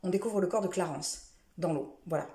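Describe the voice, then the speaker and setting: Woman rambling about her books for the week, low mellow voice, lots of euhs, room echo. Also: normal speed. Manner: chatty, rambling, many fillers and self-corrections. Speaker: book vlogger. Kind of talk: casual book review chat.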